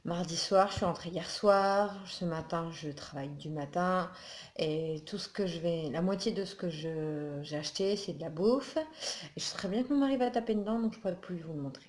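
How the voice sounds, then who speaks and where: Her voice sits on the low side, a little mellow, at a normal speed. Just up early at home and slightly groggy, this northern French woman rambles through a casual haul video with lots of fillers as a beauty vlogger, in an echoey room with faint noise.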